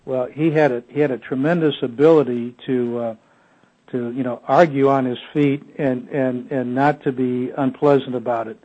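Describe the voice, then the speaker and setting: A man answers questions in an oral history interview, his mellow voice pausing often on fillers and restarts. The audio is dull and muffled, like a lo-fi tape. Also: mid-range voice, fairly even intonation. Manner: hesitant, many fillers and restarts. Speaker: interview guest.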